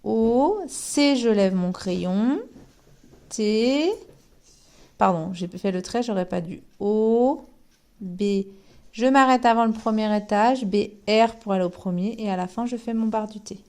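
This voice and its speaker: A woman teaches handwriting to a young pupil from a distance. She moves at an unhurried, deliberate pace, naming each letter separately as she forms it. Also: mid-range voice, darkish tone. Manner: slow, spells letters out one by one while writing. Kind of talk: remote handwriting lesson.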